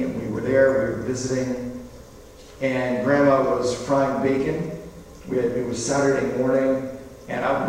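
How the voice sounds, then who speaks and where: A man's voice: mid-range voice, recorded from a distance, a little hiss or hum. Man preaching in an echoey hall. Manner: storytelling, conversational, animated asides. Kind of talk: sermon.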